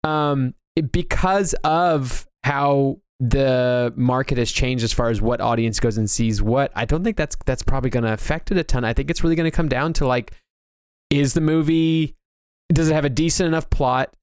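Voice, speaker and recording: A man with a medium-pitched, clear, resonant voice hosts a podcast, chatting casually about video game movies at a moderate pace. He rambles loosely and often repeats himself. The recording is dry and studio quality.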